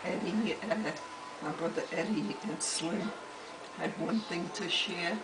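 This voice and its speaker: A woman's voice: lowish voice, measured pace. Distant old woman, rambling storyteller. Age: 80s. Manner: rambling, hesitant, fillers. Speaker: great-aunt. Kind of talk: casual family storytelling. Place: hospital room, seated in wheelchair. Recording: distant, loud hiss, home video.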